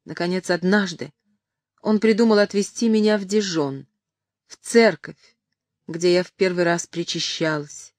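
Brief: woman voicing a reproachful lady, low voice, dry recording. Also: measured pace, a little mellow, no echo, lightly acted. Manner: indignant, reproachful. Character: proud, distressed noblewoman, reproachful. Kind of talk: audiobook reading.

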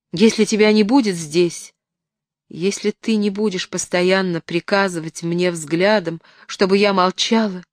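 A woman's voice: on the low side, no echo, studio quality, natural voice. A woman reading aloud voices a guilt-ridden married noblewoman and mother who speaks with passion. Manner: impassioned, exclaiming.

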